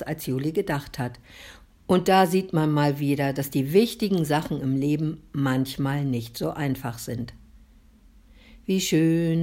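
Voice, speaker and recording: A woman reads a children's storybook aloud in a calm, gently expressive manner. Her voice is notably low for a woman. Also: husky. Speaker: narrator. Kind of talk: storybook reading.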